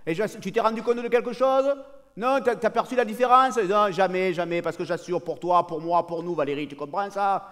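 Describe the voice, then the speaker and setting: A comedian acting out a brash, boastful cheating husband, talking cockily and excitably to a partner who is never heard. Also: male voice, sits high, fairly quick. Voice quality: cocky, excitable, talks over an unheard partner. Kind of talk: live stand-up character monologue.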